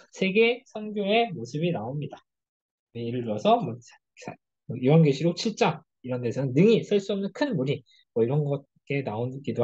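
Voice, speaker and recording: Youth group study leader, casual lecture, husky voice, dull lo-fi sound. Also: medium pitch. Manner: animated storytelling, acting out quoted speech.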